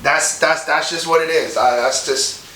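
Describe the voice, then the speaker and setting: A man's voice: on the high side, steady tone, moderate pace, sharp tone, far from the mic. Casting: young man in his twenties from Montreal, earnest and profane, loose rambling talk, recorded off-mic in a roomy space with faint hiss. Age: 20s. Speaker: rapper guest. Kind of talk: casual monologue interview.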